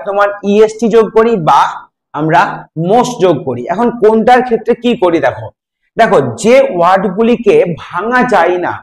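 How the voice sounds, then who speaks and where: A man's voice: high-pitched, poor audio. A man teaching an English grammar lesson step by step, patiently repeating and spelling out words and answering his own questions.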